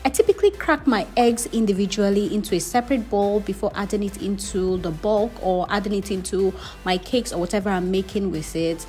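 A woman's voice: medium pitch, fairly quick, hardly any pauses, darkish tone, faint music behind. A woman hosting her cooking channel, giving friendly step-by-step instructions in a voice-over. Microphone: voice-over, not recorded on camera.

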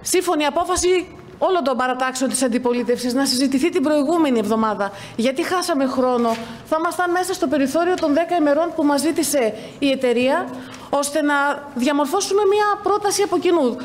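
Woman, opposition councillor, high voice, earnest formal speech, measured. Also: a little mellow, slight background noise.

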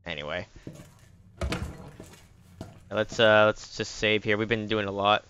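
A man's voice: lowish voice, fairly even intonation, measured pace, pushed and bright, muffled recording. A man giving casual gameplay commentary, muttering and thinking aloud as he goes. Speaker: game streamer. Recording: faint background noise, clicking.

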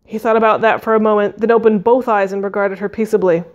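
A woman's voice: medium pitch, fairly even intonation, quick pace, lo-fi sound. A woman reading a fantasy novel aloud, narrating expressively and voicing the dialogue. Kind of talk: audiobook reading.

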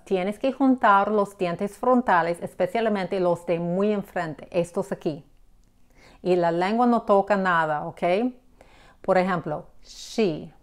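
A woman teaching English pronunciation, explaining slowly and checking in with the listener as she gives examples. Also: mid-range voice. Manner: patient, repeats examples, checks with "ok?". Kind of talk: slow explanatory lesson.

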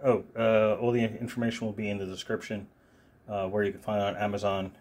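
Low-voiced man demoing a knife casually. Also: flat delivery, a little fast, darkish tone. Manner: casual, rambling, many fillers. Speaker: product reviewer. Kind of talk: unscripted one-take product demo.

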